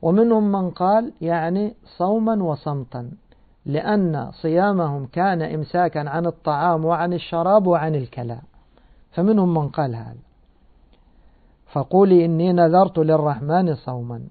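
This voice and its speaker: A man gives a patient Quran and grammar lesson. He asks questions and answers them himself. His voice sits a little high and comes through a thin, phone-like recording. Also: moderate pace. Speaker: Quran teacher. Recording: tinny phone-like sound.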